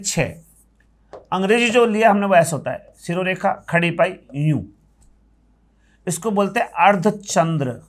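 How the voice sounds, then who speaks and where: Standing at a board, an Indian man teaches grammar with patience, going over words slowly and asking his class to answer yes or no. He has a high voice.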